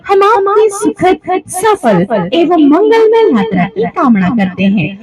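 A calm, formal female train station announcer reads out train numbers and platforms, impersonated by a man. The announcement is high-pitched and rises and falls in a wide, sing-song melody. It is delivered slowly, with the chatter of a large crowd outdoors behind it. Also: heavily acted. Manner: impression of a train station announcement, slow and measured. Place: outdoors at a railway crossing, crowd gathered.

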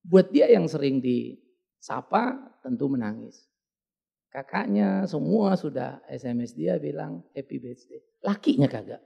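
A middle-aged man preaching a storytelling sermon as pastor, talking colloquially, dropping in English words and swinging between quiet asides and loud outbursts. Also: on the high side, lively intonation, measured pace, creaky, slightly rough, muffled recording. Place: church service.

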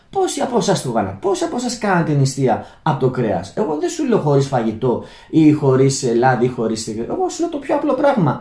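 A man's voice: a little high, dark tone, roomy sound. A Greek man talking unscripted to his viewers, rambling with many restarts and calling out to his friends. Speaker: channel host. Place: Germany, indoor room.

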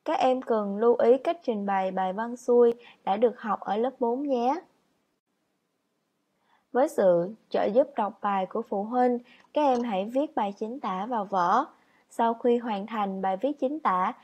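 A woman teacher narrating a scripted lesson for children, instructive, reading example sentences out slowly like dictation. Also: fairly high pitch, darkish tone, breathy edge, dull audio. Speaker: primary school teacher. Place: voice-over on lesson slides.

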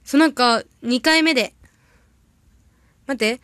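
A young woman chatting casually on a livestream, reading viewer comments aloud and telling rambling stories with quick reactions. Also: high voice, a bit bright, no room sound, studio quality. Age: young adult. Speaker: idol audition candidate livestreaming.

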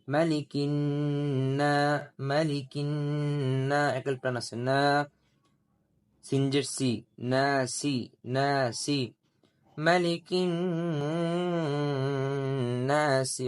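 A man teaching Quran recitation, spelling out letters and vowel marks and repeating each syllable slowly, with drawn-out melodic chanting of the verses. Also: medium pitch, clean tone. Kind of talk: slow letter-by-letter recitation lesson.

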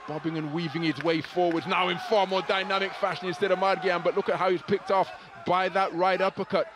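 A man's voice: high voice, steady tone, fairly quick, crowd noise, background noise. A man giving live boxing commentary, fluent and articulate play-by-play with vivid wording.

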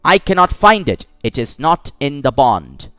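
Heartless stubborn moneylender voiced by a male narrator, impatient and insistent, animated delivery. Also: mid-range voice, a little slow, dry recording, faint music behind. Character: cruel, stubborn old moneylender man.

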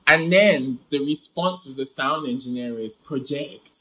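A man hosting a vocal reaction show as a vocal coach, animated and quick to laugh. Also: medium pitch, poor audio. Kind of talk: casual reaction chat.

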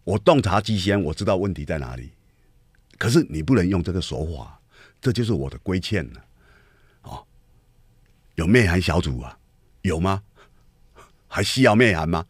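Animated man hosting talk radio. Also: low-pitched, moderate pace, pauses often, breathy edge, dry recording, clean studio sound. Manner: emphatic, rhetorical questions to listeners. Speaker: radio talk show host. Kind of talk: political commentary monologue. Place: radio studio.

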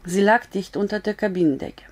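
A woman reading a novel aloud as a storyteller, in calm, measured narration. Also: mid-range voice.

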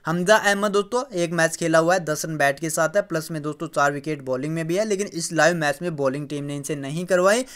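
A man's voice: fairly high pitch, a little fast, few pauses, a bit bright, clear, resonant tone. A man giving fantasy cricket team tips as a voice-over, listing player stats one after another and calling his listeners friends. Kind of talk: casual talk over screen recording.

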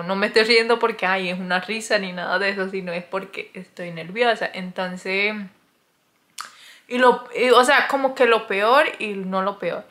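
A woman's voice: mid-range voice, fairly bright tone. Chatty young woman vlogging nervously. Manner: chatty, dramatic, nervous laughter. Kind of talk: casual confessional vlog.

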